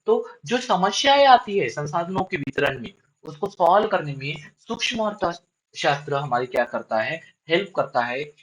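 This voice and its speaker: Lively male teacher. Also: on the high side, normal speed, slight background noise, low-quality recording. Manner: asks questions and answers them himself; repeats key lines for students. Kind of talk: classroom lecture.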